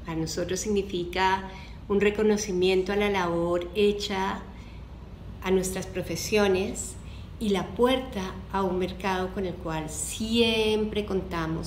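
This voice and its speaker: A woman in her forties giving an interview testimonial, recorded at arm's length in a living room. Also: mid-range voice. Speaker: film director. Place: living room with hard walls. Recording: echoey room, faint background noise.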